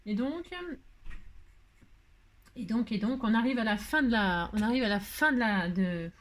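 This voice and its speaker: A middle-aged woman with a slightly high voice talks her viewers through a paper craft project. She rambles, restarts her sentences and teases herself as she works. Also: animated, a little slow. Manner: rambling, self-mocking, hums and sings snatches of tunes while working. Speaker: craft tutorial host. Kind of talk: chatty crafting tutorial.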